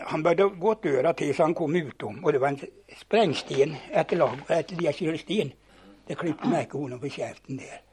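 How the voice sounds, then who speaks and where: An older storyteller with a husky, slightly high voice reminisces through old anecdotes, animatedly acting out the voices of his characters. He stumbles over words, repeats them, and restarts his sentences.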